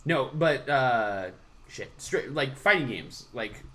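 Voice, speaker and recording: A man's voice: mid-range voice, lively intonation, slow pace, fairly bright tone. A man co-hosting a casual gaming podcast, joking around and teasing the others with crude lines. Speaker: podcast co-host.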